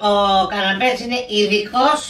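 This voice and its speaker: A weary psychotherapist, played by a woman, keeps her voice calm and soothing. Her sarcasm comes out deadpan. She sounds set back from the mic in a reverberant room. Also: mid-range voice, recorded from a distance, lightly acted. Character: weary, dry-witted psychotherapist. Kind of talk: comic audio sketch acting.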